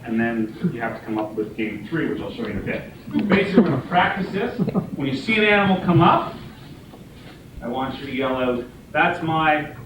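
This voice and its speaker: A man giving a joking, relaxed class presentation on car games, with many fillers and laughs. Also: a little high. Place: room with a small group. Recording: echoey room from far off, noisy.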